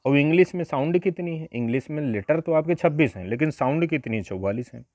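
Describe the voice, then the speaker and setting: A man's voice: on the high side, lively intonation, quick pace, a little mellow, dry recording. A man teaching an exam-prep grammar lesson, explaining step by step and often asking rhetorical questions.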